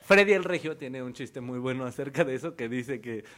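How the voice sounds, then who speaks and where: A man's voice: mid-range voice, a little fast. A young Mexican man co-hosting a comedy podcast, reading viewer comments aloud and joking. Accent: Mexican Spanish. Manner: joking, laughing, lively mock voices. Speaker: podcast co-host.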